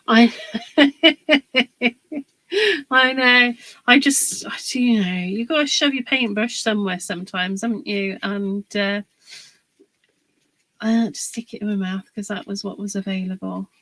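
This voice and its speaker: A woman's voice: medium pitch, steady tone, dry recording, poor audio. A woman chatting to viewers in a live crafting demonstration, talking as she works. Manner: chatty and unhurried, talks while working.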